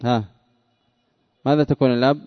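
Man teaching a religious lesson, deliberate. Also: mid-range voice, fairly even intonation, no echo. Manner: deliberate, repeats and restates points, quizzes listeners. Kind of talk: classroom lesson explaining scripture. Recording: dull lo-fi dry recording.

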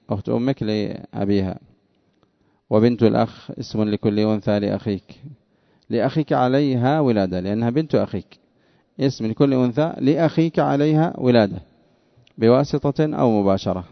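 A man gives a religious lesson in a steady middle voice, restating each point and putting questions to his listeners. The recording is dull and lo-fi with a dry, close sound. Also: medium pitch, dry recording. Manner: deliberate, repeats and restates points, quizzes listeners. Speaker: religious teacher. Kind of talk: classroom lesson explaining scripture.

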